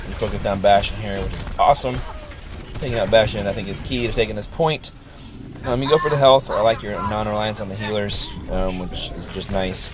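A man with a fairly low voice talks through a friend's match in an easygoing, encouraging way. He is sick, and his voice sounds worn, with lots of ums as he goes. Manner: easygoing, upbeat, many ums. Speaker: gameplay reviewer. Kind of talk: casual gameplay commentary.

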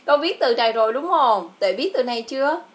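A woman's voice: fairly high pitch, expressive, brisk. A woman with a Vietnamese accent teaching English to a child over a video call, patient and coaxing, repeating words for the child. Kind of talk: online tutoring a child.

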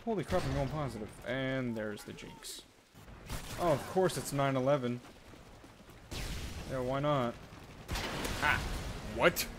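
A young man giving live commentary on a shooter game, frustrated and swinging between yelling and muttering. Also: mid-range voice, measured pace, long pauses, music in the background. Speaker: gaming YouTuber. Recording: game gunfire loud behind voice. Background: game gunfire and explosions.

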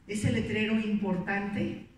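Lively woman speaker, echoey hall. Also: mid-range voice, slow, slight background noise. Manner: lively, playful, teasing the audience with questions. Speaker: motivational speaker. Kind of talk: motivational talk to a women's meeting. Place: meeting hall. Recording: echoey hall recording from far off.

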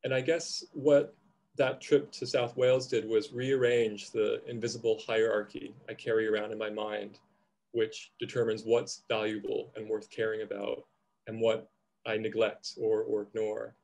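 A man's voice: fairly low pitch, level tone, moderate pace, gravelly, a little mellow. A man in his thirties, who grew up in Indonesia, speaking on a video call from a home room, thoughtful and hesitant with restarts. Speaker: panel speaker. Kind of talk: reflective conversation.

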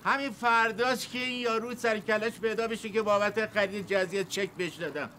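A man's voice: high voice, fairly even intonation, bright, forceful tone, slight background noise. A man playing a retired father who scolds and complains about money. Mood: grumbling. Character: grumbling retired father fretting over money. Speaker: retired office worker, father. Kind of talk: TV sitcom acting.

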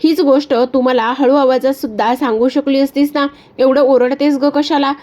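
A woman's voice: sits high, steady tone, moderate pace, darkish tone, close to an everyday voice. A woman reading the lines of a scheming young woman who means to seize a family's wealth, in a defiant, mocking way.

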